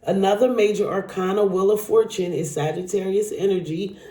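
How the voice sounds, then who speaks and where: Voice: mid-range voice, steady tone, brisk, mellow. A tarot reader casually talking through a card spread, speaking straight to the viewer in a chatty way. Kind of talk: casual tarot reading to camera. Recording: echoey room.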